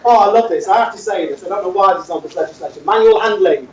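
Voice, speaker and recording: A man plays a health and safety manager, a showy, gossipy, cheeky boss who jokes and laughs through his lines. His voice is high and very fast, close to everyday speech, captured in a roomy, distant, dull-sounding hall with a noisy crowd behind him.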